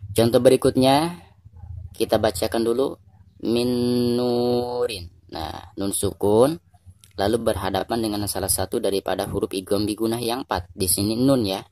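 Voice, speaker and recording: Indonesian male recitation teacher, low dry voice, patient and repetitive, slows down for chanted examples. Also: a little mellow, no room sound. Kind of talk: tajwid lesson with recited examples.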